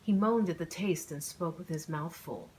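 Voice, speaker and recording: A woman narrating her own romance audiobook in a plain, even storytelling manner. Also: fairly low pitch, normal speed, slight background noise.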